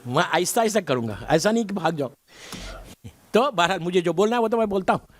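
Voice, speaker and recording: High-voiced emphatic middle-aged preacher man. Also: lively intonation. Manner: emphatic preaching with rhetorical questions. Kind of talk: majlis sermon.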